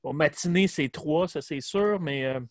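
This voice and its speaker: A man's voice: on the high side, a little slow, dry recording. A man asking his teacher a question in class, informal and hesitant, with a Québécois French accent. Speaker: student.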